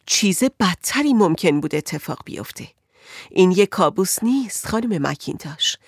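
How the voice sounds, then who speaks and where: A woman voicing a patient male doctor who speaks gently and reassuringly to a troubled patient in an audiobook. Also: on the low side, animated, breathy edge, dry recording, studio quality. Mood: soothing.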